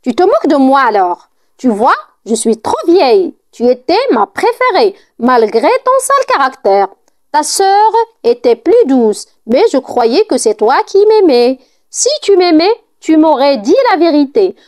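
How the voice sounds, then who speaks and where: A woman's voice: high voice, sing-song, a little slow, a little mellow. A woman reading a scolding old nurse. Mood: hurt. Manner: scolding, indignant outbursts.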